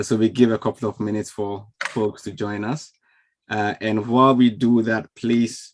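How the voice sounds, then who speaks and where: This man's voice is fairly low and a little mellow. He's a webinar host moderating an online event over a video call from home or an office, greeting attendees in a friendly way with frequent fillers, picked up by the call's microphone.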